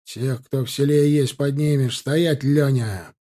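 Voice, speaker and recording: A stern cavalry officer, as a man plays him barking curt orders in a dark, mellow voice. It is a storybook reading, close to the reader's own tone. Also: medium pitch, steady tone, measured pace, natural voice.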